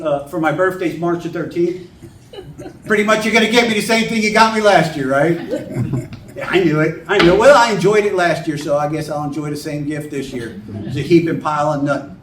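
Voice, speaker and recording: An older man telling stories to a writers' group in a plain-spoken, animated way. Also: sits high, distant mic. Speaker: author and guest speaker. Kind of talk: folksy storytelling talk to a writers' group. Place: meeting room. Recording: echoey room, mic from afar, faint hiss.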